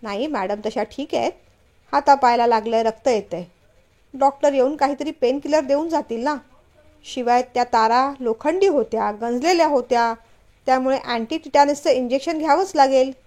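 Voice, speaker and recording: A woman's voice: sits high, moderate pace, natural voice. Woman voicing a stern scolding young husband. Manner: scolding, firm, louder.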